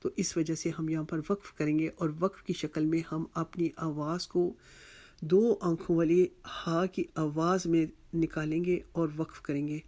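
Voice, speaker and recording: A Quran recitation teacher, slowly explaining tajweed and repeating each word, drawing out chanted words. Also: level tone, warm tone. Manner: slow, patient, repeats each word and drills pronunciation; chants the verse words drawn out and higher.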